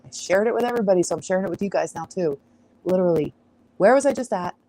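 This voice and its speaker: A woman's voice: fairly low pitch, racing, warm tone, rough recording. A woman hosting an astrology livestream, chatting casually on a farm, rambling and sidetracking with frequent laughs. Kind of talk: casual live-stream chat. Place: outdoors on a farm.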